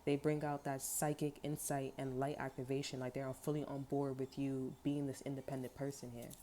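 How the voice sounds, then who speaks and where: Brief: woman tarot reader, very low and mellow voice, rambling casual delivery full of okays. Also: little pitch movement, fairly quick, slight background noise. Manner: rambling, peppered with okay and like.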